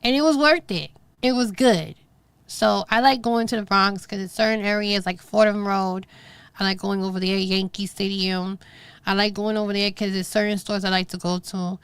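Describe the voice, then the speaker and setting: Chatty, Brooklyn woman, New York accent, podcast host, middle-aged, smooth clear voice, dry sound. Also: medium pitch, flat delivery, moderate pace, dry recording. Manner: chatty, rambling, emphatic asides. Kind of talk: casual solo chat to a live stream.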